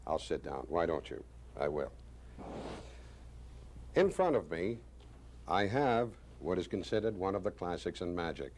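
A man in his sixties, a magician presenting a demonstration with deliberate, showman-like, wryly self-praising patter. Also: deep voice, big pitch swings, a little mellow. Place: small indoor studio stage with curtain. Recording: faint background noise.

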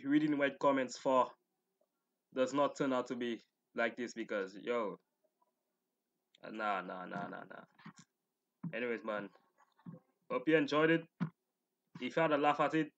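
A man's voice: mid-range voice, a bit bright, dull audio. Young man, casual slangy commentary. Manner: slangy, mocking, incredulous. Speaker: YouTube host reading and reacting to comments.

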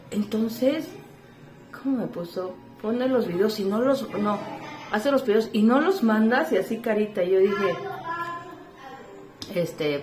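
Mom vlogger in her thirties, gentle emotional delivery, phone camera in the home kitchen. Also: mid-range voice, rough recording. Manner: soft, emotional and heartfelt, thanking viewers. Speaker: vlogger, mother and small business owner. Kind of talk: casual vlog talk to viewers. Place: home kitchen, a film playing in the background.

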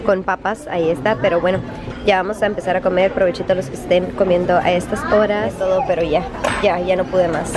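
A woman's voice: fairly low pitch, fairly even intonation, quick pace, a crowd in the background. A woman, chatting animatedly to viewers into a phone held at arm's length. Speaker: family vlogger. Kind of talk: casual vlog chat. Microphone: phone camera held at arm's length.

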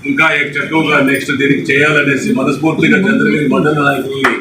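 A man's voice: fairly high pitch, level tone, fast. A man from a local Telugu party gives a formal political speech, full of honorifics and thanks, at a party office opening. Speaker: party speaker. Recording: echoey, distant, noisy news mic.

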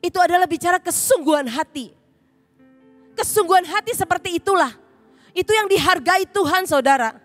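A woman's voice: very high-pitched, expressive, fairly quick, no room sound, soft background music. A woman pastor preaching a sermon with emotion, often turning to her listeners.

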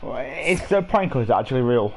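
A man's voice: mid-range voice, expressive, a little fast, gravelly. A young man, chatting casually and swearing as he streams a game with friends. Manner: sweary, teasing banter. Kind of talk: casual gaming chat with friends.

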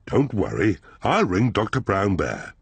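Jolly British cartoon daddy pig, very animated. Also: male voice, lowish voice, measured pace, very noisy. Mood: self-assured. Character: jolly, bumbling, self-assured cartoon father pig. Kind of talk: preschool cartoon acting. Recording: loud cartoon music behind.

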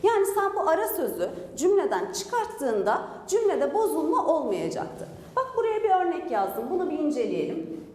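Woman, teacher, online lesson, high voice, animated, roomy echo. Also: normal speed. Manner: lively, asks and answers her own questions. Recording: echoey room with long reverb.

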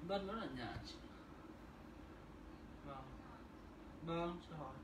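A man's voice: on the high side, takes it slowly. A man making polite, brief replies in a phone chat. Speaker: caller. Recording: distant, roomy, noisy.

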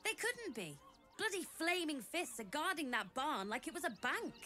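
Bright, high-pitched cheeky urchin girl. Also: very animated, normal speed, faint music behind, full character voice. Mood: wheedling. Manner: brash, wheedling sales patter with slangy turns. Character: cheeky young street-urchin girl, sly hustler.

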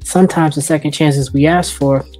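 A man's voice: fairly high pitch, steady tone, moderate pace, darkish tone. A man hosting a casual, sarcastic commentary, talking loosely and joking as he goes. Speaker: host. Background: background music.

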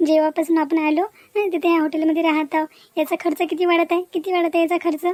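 A woman voicing a high-pitched, upset young village woman. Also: flat delivery, fast, a little mellow. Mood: angry. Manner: pleading then demanding, confrontational. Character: young village woman who ran off with her lover. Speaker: cartoon character. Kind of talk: Marathi cartoon voice acting.

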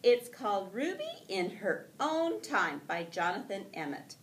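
In an indoor classroom, a middle-aged woman tells the story of a picture book to kids, her delivery deliberate and expressive with long, drawn-out words. The audio comes from a camera several feet off, giving an echoey, far-away sound and a low rumbling noise.

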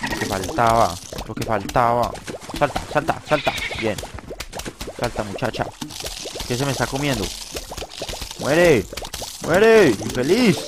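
A man giving excitable let's play commentary, talking to his viewers and yelling at the enemies. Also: mid-range voice. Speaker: gaming commentator. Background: game music.

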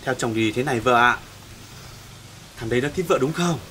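A man's voice: medium pitch, a little fast, sharp tone, a little hiss or hum, lightly acted. A man playing a broke, scheming husband in a comedy sketch, coaxing and pleading. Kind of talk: amateur comedy sketch acting.

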